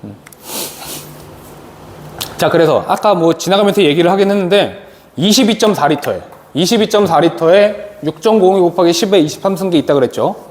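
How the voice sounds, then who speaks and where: A man's voice: sits high, expressive, brisk, a little mellow. A man teaching a chemistry lecture, asking questions and answering them himself. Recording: long reverb, faint noise.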